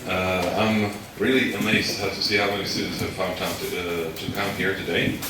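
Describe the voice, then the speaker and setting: A man delivers a university lecture in a deep, low voice. He builds his points step by step and keeps checking in with the room. The sound is distant and echoey, with steady background noise. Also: moderate pace. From Slovakia. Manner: explains step by step and checks in with the audience. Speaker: guest lecturer.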